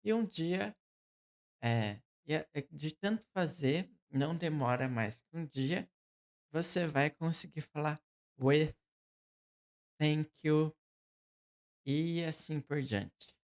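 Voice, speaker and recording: Slow Brazilian teacher drilling words. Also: male voice, fairly high pitch. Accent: Brazilian Portuguese. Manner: repeats words slowly for drills. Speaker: English teacher. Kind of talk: pronunciation lesson.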